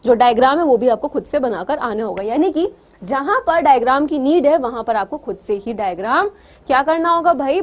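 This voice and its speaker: A woman teacher explaining exam preparation to students, coaxing and often asking if they follow, mixing in English words. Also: high voice. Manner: coaxing, repeatedly checks students understand.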